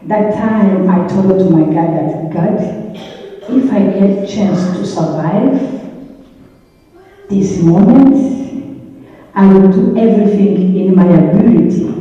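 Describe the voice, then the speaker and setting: A woman from Rwanda giving an earnest, halting testimony speech as a guest speaker, heard from far off in a hall. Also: mid-range voice, dark tone. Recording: far-off echoey hall, dull sound.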